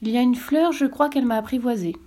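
A woman's voice: on the high side, quick pace, dark tone, pitched above the performer's own voice, close to an everyday voice. A woman voicing an earnest, wistful young boy prince in a storybook reading, raised and plaintive. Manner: plaintive, questioning.

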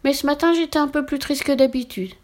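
Woman doing a lonely kind witch woman, high and sing-song, storybook. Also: quick pace, a little mellow, natural voice. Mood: wistful. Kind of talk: storybook reading.

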